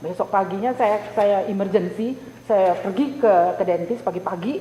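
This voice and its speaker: A woman giving an animated personal testimony to a group, repeating words for emphasis as she tells the story. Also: mid-range voice, normal speed. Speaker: Bible study member giving a testimony. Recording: roomy hall reverb, faint hiss.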